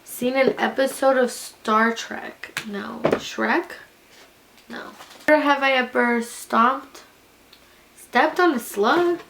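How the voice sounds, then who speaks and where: A woman's voice: high-pitched, slow pace, creaky, a bit bright, a little hiss or hum. A young woman vlogger chatting casually to camera in a giggly, tipsy ramble, blunt and full of swearing and slang. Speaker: beauty vlogger.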